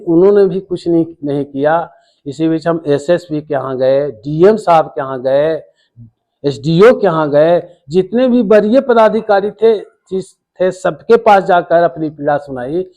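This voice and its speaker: An older man speaks in a local news interview. His voice sits a little high for a man. He is earnest and pleading, and he keeps addressing the reporter as sir. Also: dark tone. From Bihar, India.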